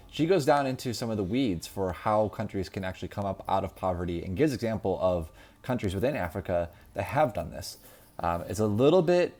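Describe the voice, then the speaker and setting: Brief: deep-voiced male reviewer, relaxed and unscripted, plenty of filler words. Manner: unscripted, many ums and restarts. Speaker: book reviewer. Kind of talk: casual solo video review.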